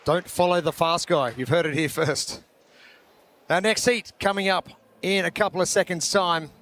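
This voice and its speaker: A man's voice: sits high, fairly even intonation, moderate pace, a bit bright, a faint crowd, a little hiss or hum. A man presenting live sports competition coverage as a broadcast commentator.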